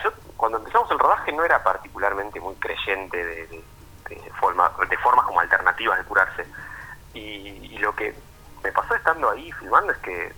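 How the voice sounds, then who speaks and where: A documentary filmmaker with an Argentine accent answers an interview casually over a phone line, explaining informally and checking in with little tag questions. His lowish voice is bright, forceful, and slightly rough.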